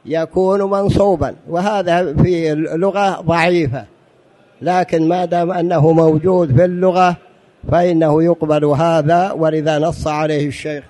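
A man's voice: on the high side, dark tone. A man giving a religious lesson on jurisprudence, explaining patiently, repeating key phrases and asking the audience rhetorical questions. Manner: explanatory, addresses the audience as brothers. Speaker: religious teacher.

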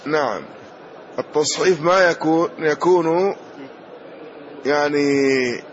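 A man teaching a hadith lesson, explaining each point in a measured way and often pausing on "na'am". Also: fairly high pitch. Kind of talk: slow explanatory lesson commentary. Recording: dull lo-fi recording.

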